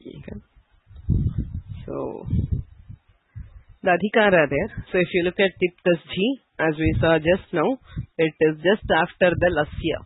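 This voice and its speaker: A man's voice: fairly high pitch, measured pace, long pauses, husky, dry recording. A man teaching a Sanskrit grammar class online, answering students' questions patiently with many "okay"s and "so"s. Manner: patient, explanatory, frequent "okay" and "so". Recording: dry, phone-like narrow sound.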